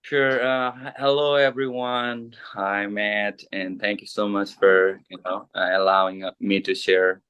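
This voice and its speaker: A pastor in his thirties, from Bhutan and a native Nepali speaker, telling his story in an interview with many pauses, fillers and restarts. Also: on the low side, level tone, a bit bright, smooth, highs cut off. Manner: hesitant, many fillers and restarts, halting English. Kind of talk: casual interview.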